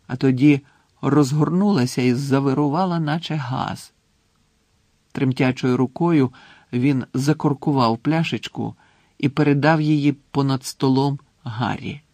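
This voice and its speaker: A man reading an audiobook in a steady, measured storytelling manner on a close mic. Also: medium pitch, no echo. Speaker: audiobook narrator.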